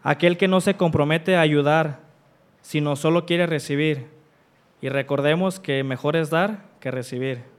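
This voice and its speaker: A man preaching a sermon, stressing repeated refrains and reading scripture aloud with deliberate pauses. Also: a little high, clear, resonant tone. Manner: emphatic repeated refrains, rising on each.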